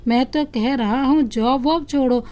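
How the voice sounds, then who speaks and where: A woman's voice: high voice, a little slow, dark tone. A woman voicing a loving, playful young husband who teases his wife affectionately, in a storybook reading. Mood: teasing. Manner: teasing, affectionate.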